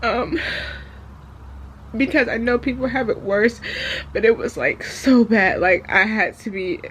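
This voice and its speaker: A woman talking candidly in a raw personal vlog, hesitant and halting as she confides in viewers. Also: a little high, a bit bright, slight background noise. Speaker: vlogger. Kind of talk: raw confessional vlog talk.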